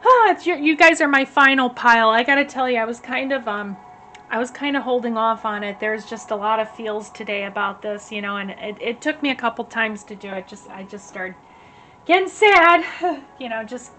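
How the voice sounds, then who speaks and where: A woman giving a casual tarot reading, chatty and rambling with many fillers, her voice slightly hoarse as she is losing it. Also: on the high side, moderate pace, pushed and bright, slight background noise. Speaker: tarot reader. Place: at home.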